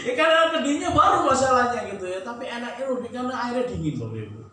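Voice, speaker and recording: A man preaching a sermon in a chatty, joking way, laughing often and acting out nagging spouses in a squeaky voice. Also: big pitch swings, fast, distant mic, a crowd in the background. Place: church sanctuary. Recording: echoey church hall, mic from afar.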